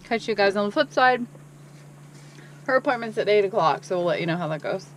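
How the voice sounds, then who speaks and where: Woman, casual vlog chat, upbeat, chatty, handheld camera outdoors, middle pitch. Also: lively intonation, fairly quick, a little hiss or hum, poor audio. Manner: chatty, upbeat, laughs easily. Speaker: van life vlogger. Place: campsite by a van, outdoors.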